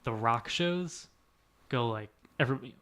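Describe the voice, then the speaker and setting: A man's voice: mid-range voice, lively intonation, a little slow, a bit bright. A young man in his twenties chatting casually as a podcast co-host, rambling and self-deprecating, laughing often. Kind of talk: casual chat.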